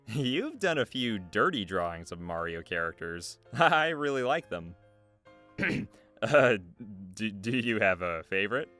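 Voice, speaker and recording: A man with a lowish, sing-song voice reads out an interview's questions and answers, keeping it casual, playful and full of jokes. He speaks a little slowly in a pushed, bright way, with video game music running underneath this scripted narration.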